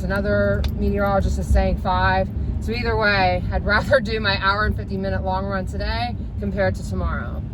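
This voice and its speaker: A woman's voice: mid-range voice, noisy background. Woman running vlogger, mid-range voice. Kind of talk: casual vlog talk.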